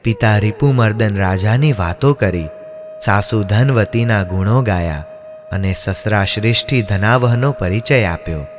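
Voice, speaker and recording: A man narrating a devotional drama in a measured, solemn storytelling manner. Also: fairly low pitch. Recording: long reverb, music underneath.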